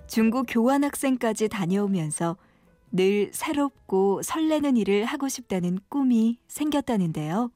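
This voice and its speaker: Woman, documentary narrator, gentle measured voice-over, warm tone, faint music. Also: on the high side.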